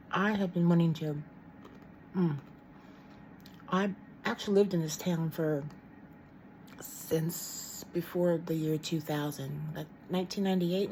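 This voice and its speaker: A woman's voice: on the low side, fairly even intonation, measured pace, long pauses, dark tone, slight background noise. A middle-aged woman vlogging at home in casual chat to camera, rambling and frank, with many ums and restarts.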